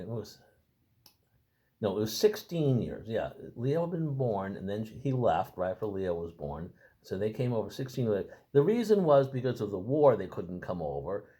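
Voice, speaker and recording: An older man talks through his family's past in a casual interview. His voice sits low but swings widely in pitch. He rambles and restarts often as he searches for details. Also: mellow. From Boston, Massachusetts. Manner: rambling, halting, with many restarts.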